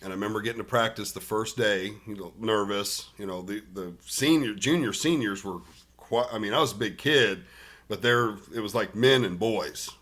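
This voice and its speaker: A man's voice: lowish voice, normal speed, a bit bright. A man as a podcast guest, casually telling stories from his school days with dry remarks. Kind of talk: casual chat.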